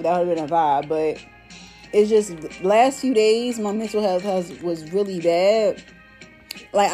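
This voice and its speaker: A woman hosting a solo podcast in casual, slangy chat, rambling in a stoned, high-sounding drawl and talking straight to her listeners as y'all. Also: mellow. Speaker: podcast host.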